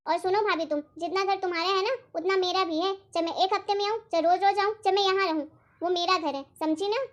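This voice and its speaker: A woman's voice: extremely high pitch, fairly even intonation, fast. A woman voicing a domineering, nagging adult sister-in-law in a cartoon, talking in a harsh, sarcastic, scolding way. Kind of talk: animated cartoon voice acting.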